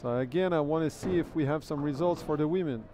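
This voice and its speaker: A native French speaker calls a bowling event live at the alley, talking at a quick pace in a fairly high, dark-toned voice with slight background noise. He's conversational, thanks his audience and repeats words while he thinks.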